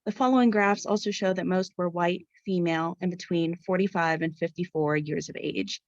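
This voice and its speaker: A woman's voice: lowish voice, steady tone, normal speed, no echo, highs cut off. A young American woman reading out a scripted academic presentation in a formal, careful way, as a student researcher. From Pittsburgh area, United States. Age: young adult. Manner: formal, carefully read-out delivery.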